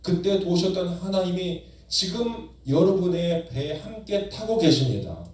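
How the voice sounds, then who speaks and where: Man preaching, pastor, slow stressed phrases, church sanctuary, heavy hall echo, distant mic. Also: high-pitched, lively intonation, a little mellow. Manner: preaching with rising emphasis and slow, drawn-out lines. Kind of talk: sermon.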